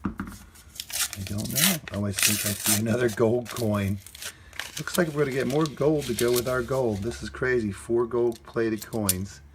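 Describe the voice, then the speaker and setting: A man's voice: lowish voice, slight background noise. A man hosting a coin roll hunting vlog, talking casually and plainly, cheerful about each find, recorded indoors on a camera mic. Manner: chatty, plainspoken, upbeat about finds.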